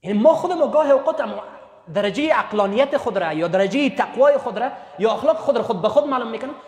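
A man delivers a sermon in a high, carrying voice, hammering his points home through repetition. He climbs in pitch whenever he stresses a point. The recording rings with the long reverb of a large hall. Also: lively intonation. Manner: emphatic, repetitive, voice rising on key points. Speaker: preacher.

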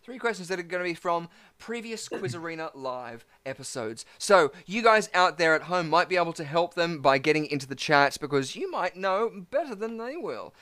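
A man's voice: a little high, sing-song, moderate pace, few pauses, bright, forceful tone. A man hosting a live online quiz in a chatty, rambling way, full of fillers. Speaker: quizmaster.

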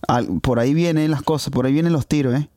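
A man's voice: on the high side, quick pace, warm tone, dry recording, studio quality. A man with a Venezuelan accent, co-hosting a casual chat and rambling through complaints, repeating words as he searches for them. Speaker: podcast co-host.

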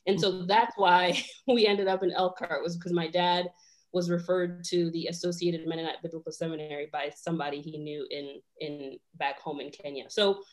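Chatty young woman, slightly low voice. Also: steady tone, normal speed. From Rwanda. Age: 20s. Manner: chatty, many fillers, laughs easily. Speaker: guest lawyer. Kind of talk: casual podcast chat.

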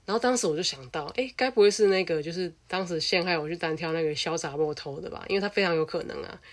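A young adult woman with a Taiwanese Mandarin accent tells a personal story bluntly and animatedly, keeping it casual and swearing freely. Her pitch is fairly low and her pace quick.

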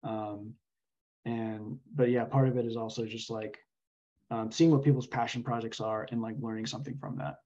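A man's voice: fairly low pitch, steady tone, mellow. Man in casual interview, slightly dull lo-fi recording. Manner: informal, halting, thinking aloud. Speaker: podcast guest, software engineer.

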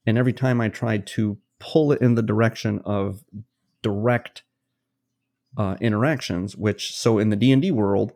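A man's voice: on the low side, normal speed, a little mellow. A man co-hosting a podcast as a game master, explaining his ideas at length in a casual, long-winded way with plenty of worked examples. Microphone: podcast studio mic.

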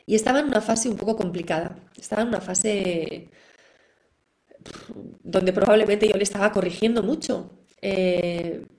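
A woman's voice: medium pitch, normal speed, pauses often, rough recording. A middle-aged woman, teaching parents in a live online class in an encouraging manner. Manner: warm, encouraging, acts out examples. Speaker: parenting educator.

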